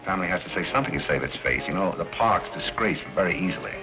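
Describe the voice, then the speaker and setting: A deep-voiced gentleman butler in an old 1930s screwball comedy. He is formal, measured and wry, on a dull vintage film soundtrack with music playing strongly behind him. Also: lively intonation. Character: dry, dignified gentleman working as a butler. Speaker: actor in a film.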